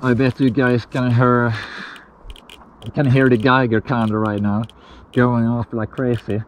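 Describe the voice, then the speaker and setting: A man talking through a gas mask outdoors on a hillside, narrating his adventure in slow, halting self-talk. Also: medium pitch, flat delivery, slight background noise.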